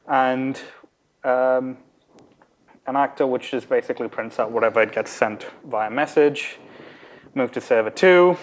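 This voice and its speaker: Slow, halting young man presenting. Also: mid-range voice. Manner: halting, hesitant delivery. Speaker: conference speaker. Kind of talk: informal technical lightning talk. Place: conference room at a podium. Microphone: podium microphone.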